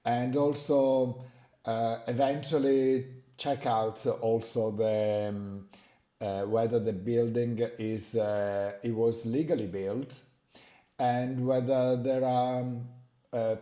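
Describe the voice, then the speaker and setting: Slow, halting man with an Italian accent. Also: mid-range voice, steady tone, dark tone. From Italy. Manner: halting, searching for words, frequent hesitations. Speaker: interview guest, architect. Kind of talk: explanatory interview answers. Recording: roomy, echoing sound.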